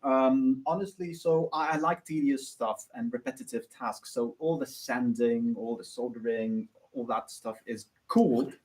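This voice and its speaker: A man answers questions about his week as a workshop student. His voice sits at a middle pitch, and he speaks earnestly and plainly in a relaxed interview. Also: a little slow, hardly any pauses, poor audio. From Belgium.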